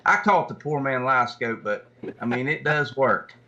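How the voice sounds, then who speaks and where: A man appears as a guest, a tournament angler explaining things in a plain-spoken, informal way during a casual chat where he recounts and explains. His medium-pitched voice has a sharp tone and a moderate pace. The sound is dull and lo-fi.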